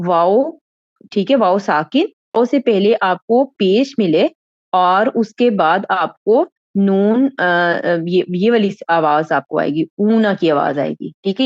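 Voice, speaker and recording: A patient woman teacher walks through a grammar lesson one step at a time. She keeps checking in with her students as she goes. Her voice sits at an ordinary pitch and is recorded close and dry, with a slightly muffled, lo-fi edge. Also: darkish tone, no echo. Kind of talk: Quran grammar lesson in Urdu.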